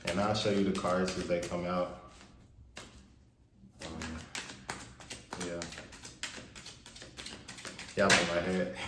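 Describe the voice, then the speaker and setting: A man giving a casual spiritual tarot reading in a loose, rambling way with a naturally monotone voice, his words washed in heavy room reverb. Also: low voice. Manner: loose, rambling, with many fillers. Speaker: tarot reader. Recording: echoey untreated room, faint noise.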